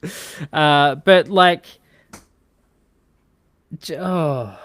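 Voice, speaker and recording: A woman's voice: sits low, drawn-out words. A woman co-hosting a casual podcast chat, exasperated, swearing a lot and laughing easily. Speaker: podcast co-host.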